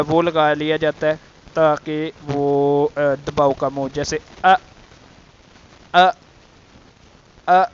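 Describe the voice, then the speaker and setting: A man teaching Quran letter pronunciation, explaining slowly with many fillers and repeating the letter sounds to demonstrate. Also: fairly high pitch, clear, resonant tone, lo-fi sound. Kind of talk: tajweed lesson with demonstrations.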